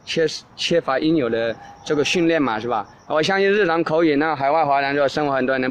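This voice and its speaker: A man's voice: medium pitch, slight background noise. Rambling male podcast host, many restarts. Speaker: English teacher and podcast host. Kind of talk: casual monologue answering listener questions.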